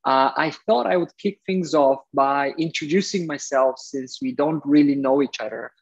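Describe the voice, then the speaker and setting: A man's voice: medium pitch, normal speed, gravelly, slightly rough. Bulgarian-born man presenting over a video call. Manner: friendly, earnest, with frequent uh fillers. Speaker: guest speaker, entrepreneur. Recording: dull, lo-fi video call audio.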